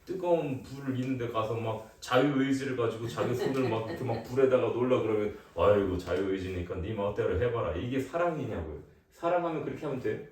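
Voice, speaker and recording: A man's voice: mid-range voice, animated, fast, hardly any pauses, a little mellow. Man preaching a home sermon, questioning and emphatic; very echoey room, mic far off. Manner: asks questions, building to emphatic exhortation. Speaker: leader of family worship.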